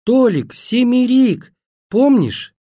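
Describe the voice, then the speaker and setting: A man reading an audiobook and voicing an elderly mother who shouts in a thin, piercing, flute-like voice into a deaf son's ear. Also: extremely high pitch, expressive, takes it slowly, pitched above the performer's own voice, full character voice. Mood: shrill shouting.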